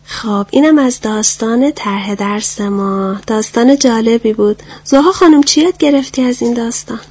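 Husky-voiced woman teaching girls. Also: a little high, a little mellow. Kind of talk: classroom lesson.

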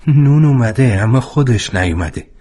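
A man's voice: medium pitch, lively intonation, dark tone, voice pushed up, lightly acted. A man voicing a worried, weary middle-aged mother who answers in short, reluctant replies in a storybook reading.

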